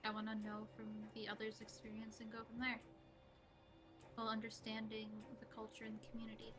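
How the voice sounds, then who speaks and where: A woman's voice: fairly high pitch, monotone, brisk, over music. A woman in character in a role-play, persistent and inquisitive, with a formal way of asking questions.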